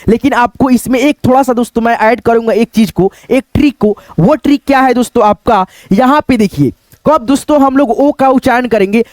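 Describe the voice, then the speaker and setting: Teacher, male, very high voice, spells words out slowly, close dry mic. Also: darkish tone, no echo. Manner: spells words out letter by letter, keeps asking "दोस्तों". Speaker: English teacher. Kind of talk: spoken lesson.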